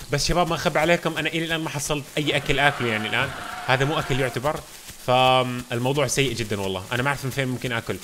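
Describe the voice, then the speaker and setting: A man hosting a let's-play video, giving excitable game commentary and constantly talking straight to his viewers. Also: a little high, a little hiss or hum. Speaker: gaming channel host.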